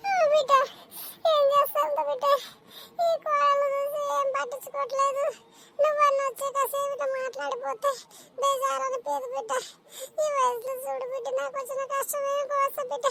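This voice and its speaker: A woman's voice: very high-pitched, flat delivery, fairly quick, gravelly, pushed and bright, a little hiss or hum, heavily acted. A woman voicing a whiny, self-pitying old village mother-in-law in a cartoon, who wails her complaints through sobs. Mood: weepy. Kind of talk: cartoon voice acting.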